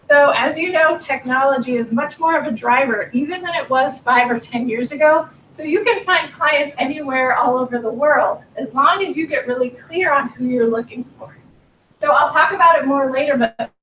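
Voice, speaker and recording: A woman in her forties gives a workshop presentation in a meeting room, earnest and encouraging, her voice slightly strained. It's high-pitched and fairly bright at normal speed. The mic is distant in an echoey room, with slight background noise.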